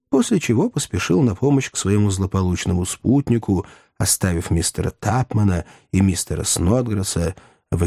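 Man reading a classic novel aloud, lively swinging intonation, dry close sound. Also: no room sound. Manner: expressive, animated storytelling with wide pitch swings. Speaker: audiobook narrator. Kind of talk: scripted narration of a classic novel.

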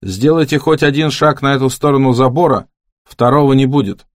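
A man's voice: medium pitch, fairly quick, no echo, close to an everyday voice. Brief: cold, threatening rural man with a rifle, voiced by a male narrator; dry sound. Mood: hostile. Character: hostile armed farmer, curt and threatening.

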